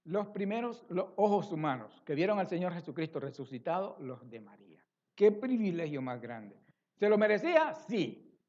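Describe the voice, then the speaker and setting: A man's voice: high-pitched, darkish tone, muffled recording. A man preaching a sermon as pastor, speaking expressively with rhetorical questions and repeated phrases. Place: church.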